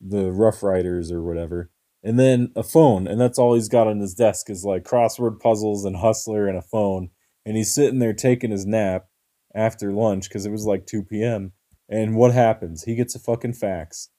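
Young guy riffing on a podcast, low super dark voice, swears, makes up silly scenarios. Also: normal speed. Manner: spins comic made-up scenarios, swears. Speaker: podcast co-host. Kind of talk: casual profane chat.

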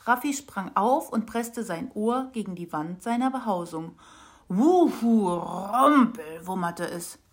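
A woman narrating a children's storybook with an expressive, lively reading. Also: mid-range voice.

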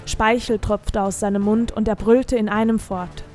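A woman reading a fantasy audiobook in steady, scripted narration. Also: medium pitch, normal speed.

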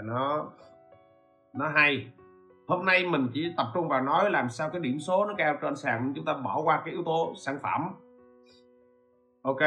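A man hosting a podcast lesson on e-commerce explains things step by step in an informal lecture, frequently pausing to ask whether listeners follow and posing rhetorical questions. His voice is fairly high, pushed and bright.

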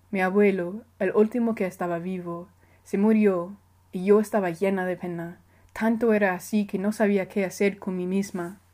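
A writer with a mellow, medium-pitched voice reads her own personal essay aloud. She reads carefully and at a measured pace, making small self-corrections.

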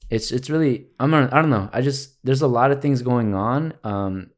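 A young man in casual conversation, telling stories animatedly, acting out quotes loudly and swearing freely. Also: medium pitch, normal speed. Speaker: guest, video editor. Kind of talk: casual podcast chat.

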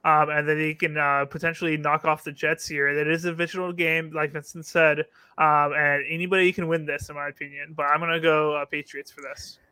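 A man talking casually and agreeably about sports as a panelist, in a measured way. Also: on the high side, level tone, pushed and bright, clean tone, no room sound.

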